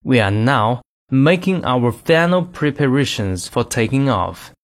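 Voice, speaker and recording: A man reading scripted in-flight cabin announcements in a formal, measured announcer manner. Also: medium pitch, lively intonation.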